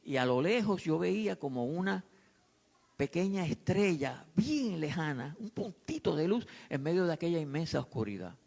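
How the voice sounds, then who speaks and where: A male pastor preaching, telling a testimony with dramatic repetition and building to shouts. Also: a little high, sing-song, normal speed, creaky. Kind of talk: sermon with testimony storytelling.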